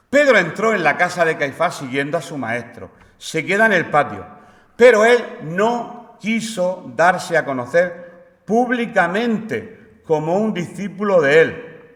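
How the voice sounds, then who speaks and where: A man's voice: a little high, a bit bright. A man with a Spain Spanish accent preaching a sermon in a conversational way, asking rhetorical questions. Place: church hall. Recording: echoey church hall.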